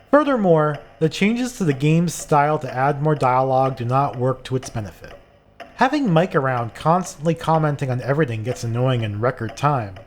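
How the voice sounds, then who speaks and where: A man's voice: a little high, darkish tone. A man reading a scripted video game review in a dry, blunt, critical manner.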